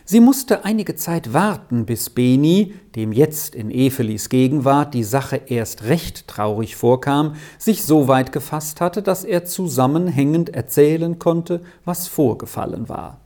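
Slow gravelly storybook narrator, a man. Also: on the high side. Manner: calm, measured storytelling. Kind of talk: audiobook narration.

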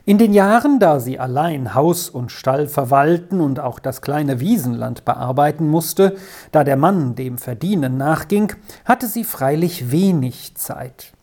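A woman narrating a storybook in a calm, measured way. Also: low-pitched. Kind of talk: storybook reading.

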